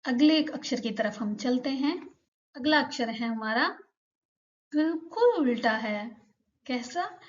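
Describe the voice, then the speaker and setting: A woman teacher with a slightly high voice gives a patient lesson at a very slow pace. She repeats each sound slowly, and the recording is a bit dull and lo-fi. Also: expressive. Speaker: Korean language teacher.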